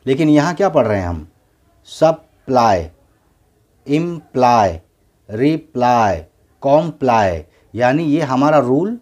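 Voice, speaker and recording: A man's voice: mid-range voice, mellow. A man teaching a beginners' English lesson, patiently spelling words out letter by letter and repeating each word twice.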